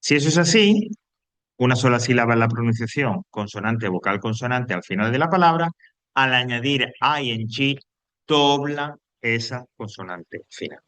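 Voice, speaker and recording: A man explains English spelling rules at an even, mid-range pitch, patiently going over each step more than once. His first language is Spanish, and the recording is dry, with no room echo. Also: normal speed. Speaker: English teacher. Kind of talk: recorded online grammar lesson.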